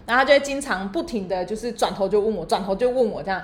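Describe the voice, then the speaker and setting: A woman's voice: mid-range voice, very fast. A woman in casual chat, animatedly telling workplace stories and acting out other people's lines. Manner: animated storyteller, acts out coworkers' lines. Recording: echoey room.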